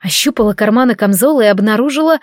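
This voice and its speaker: A woman narrating a first-person audiobook in a lively, wry, conversational way. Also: a little high, fast, no echo, studio quality.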